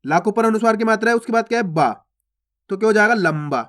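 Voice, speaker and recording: A man with a fairly high voice leads a step-by-step reading lesson. He poses each word as a question, then says it again slowly and clearly, speaking to viewers as friends. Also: lively intonation, a bit bright. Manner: repeats each word slowly after asking how to read it; addresses viewers as friends, patient explaining. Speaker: Hindi reading teacher.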